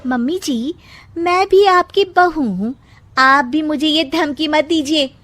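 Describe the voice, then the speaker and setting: A woman's voice: high-pitched, slow pace, a bit bright, no echo, soft background music, voice pushed up. Woman doing a sassy young daughter-in-law. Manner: cheeky, talks back with sarcasm. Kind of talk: cartoon voice acting.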